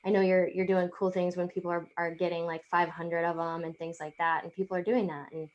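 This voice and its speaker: A woman's voice: fairly low pitch, little pitch movement, a little fast, darkish tone, highs cut off. A woman hosting an interview, talking in a rambling way with lots of fillers as she sets up her questions. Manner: rambling, many fillers like "um" and "you know". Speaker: podcast host. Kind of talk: interview conversation.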